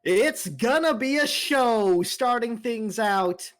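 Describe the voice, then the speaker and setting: A woman's voice: fairly high pitch, takes it slowly. A woman hosting a video game match cast, calling the draft and the play step by step. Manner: steady play-by-play, calls the draft and action. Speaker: host caster. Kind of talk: esports play-by-play.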